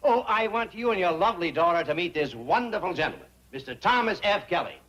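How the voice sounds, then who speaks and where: An actor playing a greedy, fawning banker who wheedles and flatters theatrically. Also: male voice, high-pitched, quick pace.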